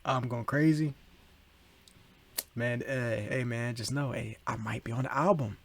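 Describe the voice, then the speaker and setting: Gravelly streamer chatting casually. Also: male voice, medium pitch, unhurried. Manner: talks over the video, slangy, repeats "bro", keeps apologizing for laughing. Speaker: streamer reacting to a video. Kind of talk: casual live reaction chat.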